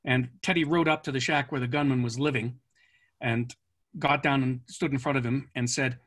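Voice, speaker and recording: Husky-voiced man telling rambling stories. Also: mid-range voice, fairly even intonation, moderate pace, a bit bright. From born in France, raised in Canada. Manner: rambling anecdotes with frequent fillers and restarts. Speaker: author guest. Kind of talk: relaxed storytelling interview.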